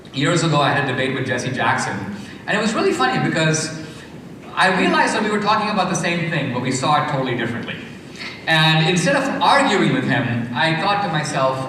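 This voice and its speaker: A man from India lectures emphatically, firing rhetorical questions and counting points off one by one. His voice is bright and a little high. He sounds distant, caught in a long hall reverb. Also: a little hiss or hum. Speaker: speaker. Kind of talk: lecture-style commentary. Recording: echoey hall, far from mic.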